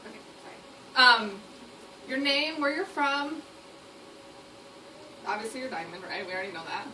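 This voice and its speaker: A woman presenting to a live audience at a sales event, energetic and rallying, checking in with "okay?" again and again. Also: fairly high pitch, moderate pace. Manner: energetic, rallying the crowd, keeps asking "okay?". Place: indoor meeting room with an audience. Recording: echoey room, distant mic, noisy.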